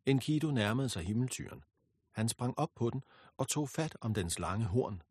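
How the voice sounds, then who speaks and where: A man narrating a myth as a storybook reading, in a steady, expressive way. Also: mid-range voice, husky, dry recording, clean studio sound.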